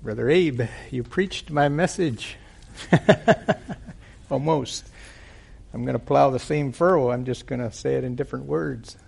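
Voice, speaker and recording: A man preaching and praying at a church service, speaking into a pulpit microphone in an unhurried, deliberate way with frequent pauses. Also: medium pitch, creaky, a little mellow, husky. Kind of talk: sermon with prayer.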